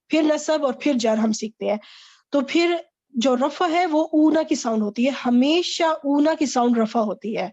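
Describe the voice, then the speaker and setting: A woman's voice: high voice, darkish tone, muffled recording. A woman teaching an online Arabic grammar lesson, quizzing a student and explaining patiently.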